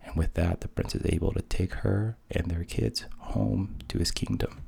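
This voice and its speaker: A man narrates old fairy tales in a hushed, often half-whispered delivery, slipping in dry, deadpan asides. His voice sits extremely low and is heavily gravelly. It also carries a husky edge. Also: moderate pace. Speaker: storyteller.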